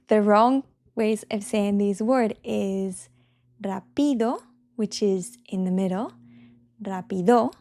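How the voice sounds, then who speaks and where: A woman hosting an online language lesson, explaining patiently and slowing down to model example words. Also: mid-range voice, a little mellow. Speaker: Spanish teacher and channel host.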